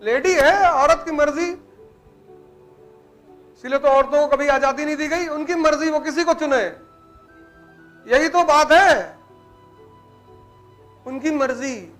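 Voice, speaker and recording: A man's voice: very high-pitched, takes it slowly, long pauses, a bit bright, faint music behind. A man giving a blunt, teasing motivational lecture to students in colloquial speech. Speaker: motivational teacher.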